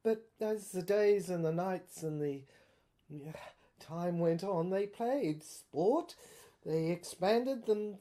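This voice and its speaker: In an audio drama monologue, a woman plays an obsessive, haunted inventor locked away by soldiers, speaking in a halting, rambling, theatrical manner with repeated words. Her voice is on the low side and mellow, the mood rambling and wistful.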